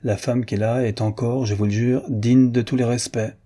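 A man reading aloud who voices a suave, mocking gentleman, curt but courteous. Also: lowish voice, normal speed, slightly rough. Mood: cool, cutting. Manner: cutting yet courteous.

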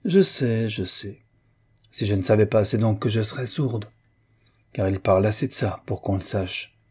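A man's voice: lowish voice, moderate pace, darkish tone, slightly rough. A man doing a teasing young society wife. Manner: teasing, ironic.

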